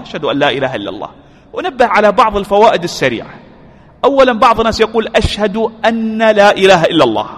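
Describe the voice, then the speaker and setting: Man, high voice, religious lesson, rhetorical questions, repeats key points, long hall reverb. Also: a bit bright. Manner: asks rhetorical questions and answers them; repeats key phrases for emphasis. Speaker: religious teacher.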